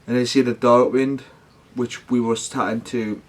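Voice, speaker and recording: A man's voice: mid-range voice, level tone, moderate pace. Man, casual rambling vlogger. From United Kingdom. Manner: rambling, slangy, with self-corrections. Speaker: paranormal investigation vlogger. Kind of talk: casual talk to viewers.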